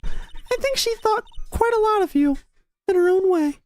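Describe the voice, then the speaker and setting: A man in falsetto voicing a calm female boss lawyer who mentors her junior, in a parody fan dub. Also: moderate pace, noisy background. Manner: falsetto that drops to a deep voice.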